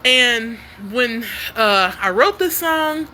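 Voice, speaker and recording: A woman singer-songwriter talks casually to her livestream viewers from home. Her voice sits high and sounds bright and forward. She is animated and quirky, and a faint background hum runs under her talk. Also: takes it slowly. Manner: animated and quirky, laughs often. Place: home near a noisy freeway.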